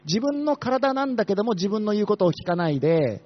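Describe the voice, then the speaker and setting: Male pastor, quick-tongued and animated, high voice, dull lo-fi recording. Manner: fast-talking, asks the congregation questions. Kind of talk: sermon.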